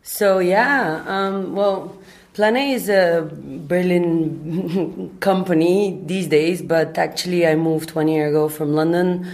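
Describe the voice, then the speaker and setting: Low-voiced woman founder from Bulgaria. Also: takes it slowly, a little mellow. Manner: thoughtful, frequent ums and uhs. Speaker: startup founder, guest. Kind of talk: interview answers.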